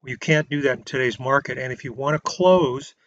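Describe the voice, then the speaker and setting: This man, a real estate instructor, walks through home-loan slides in a straightforward way, frequently restarting and dropping filler words. His mid-range voice is a bit bright and a little fast, captured in a dry recording with the highs cut off.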